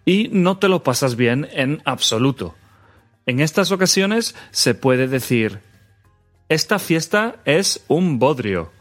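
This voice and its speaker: A man from teaching phrases in a scripted podcast lesson, repeating them clearly. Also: a little high, sing-song, takes it slowly, soft background music. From Spain. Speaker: language teacher, co-host.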